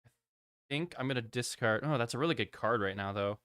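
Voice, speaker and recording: A man's voice: medium pitch, brisk, fairly bright tone, smooth, no room sound, studio quality. A man hosting a live board game stream, chatting casually, teasing his opponent and laughing often. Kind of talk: casual livestream chat while playing.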